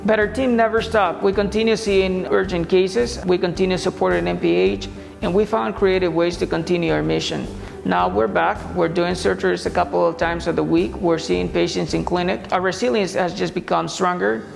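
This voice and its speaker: A man from Honduras speaks earnestly in a heartfelt video address as a surgeon, his voice rough and gravelly and set a little high. Soft music plays under him, and a long reverb trails his words. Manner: earnest, with fillers. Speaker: orthopedic surgeon.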